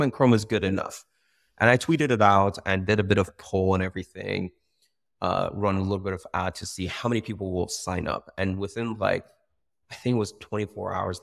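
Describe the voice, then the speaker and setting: Calling in by video from a bright room beside a window, a young man from Iran recounts his journey like a startup founder in a casual interview. He talks in a loose, animated way, his very low, gravelly voice full of fillers and corrections.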